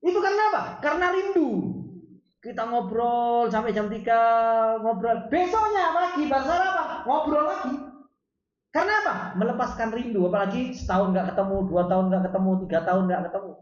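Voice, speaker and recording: A male preacher gives a lively religious lecture, quoting Arabic and asking the room questions. His voice sits in a roomy, echoing space. The recording is dull and lo-fi. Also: very high-pitched, fairly quick. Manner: animated, asks the audience rhetorical questions; reads Arabic lines, then explains them in Indonesian. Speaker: ustaz teaching a religious study circle. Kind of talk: Islamic study lecture.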